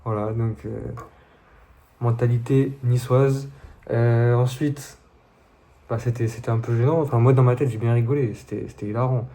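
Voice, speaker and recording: A man's voice: medium pitch, steady tone, normal speed, warm tone, slight background noise. A young man telling stories to his viewers in a casual, slangy, laid-back way. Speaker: vlogger. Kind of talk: casual storytelling monologue to viewers.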